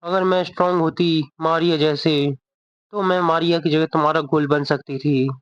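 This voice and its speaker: A woman's voice: low-pitched, fairly even intonation, moderate pace, no room sound, natural voice. A man voicing a determined, stubborn young female fighter who talks earnestly, in a dull lo-fi recording. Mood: wistful. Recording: dull lo-fi dry voice.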